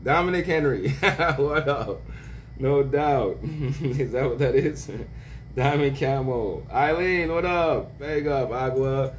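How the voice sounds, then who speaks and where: A man hosting a casual livestream, greeting viewers by name with slang shout-outs and laughing often. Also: a little high, slight background noise. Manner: laughs often, drawn-out words. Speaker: livestream host.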